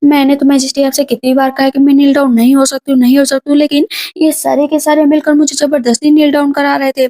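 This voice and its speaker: A woman's voice: sits high, flat delivery, fast talker, mellow, natural voice. Woman reading as a defiant young mother consort. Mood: calmly defiant.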